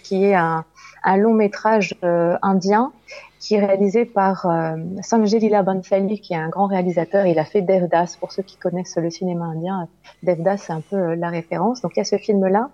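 A woman actress answers interview questions in a chatty, unhurried way, pausing often to search for words. Her voice is mellow and dark. The sound is dull and lo-fi. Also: medium pitch. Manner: chatty and warm, many hesitations. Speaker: actress and voice actor guest.

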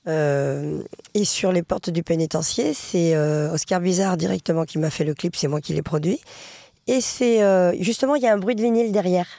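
A woman singer and author talking casually in an interview, chatty and lively, with many fillers and restarts, and a French Traveller community accent. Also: fairly low pitch, normal speed, vocal fry, no echo.

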